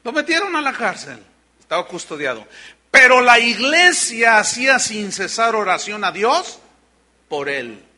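High bright preacher. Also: male voice, unhurried. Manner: animated storytelling, acts out voices. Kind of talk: sermon.

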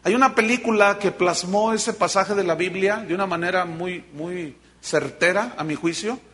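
A man preaching a sermon, retelling a Bible story in a lively storytelling way. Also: high-pitched, normal speed.

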